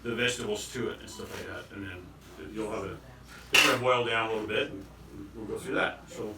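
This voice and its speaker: A man working as a chef gives an informal live cooking demonstration, explaining each step in a folksy, rambling, halting way. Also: on the low side. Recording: echoey, noisy room, distant mic.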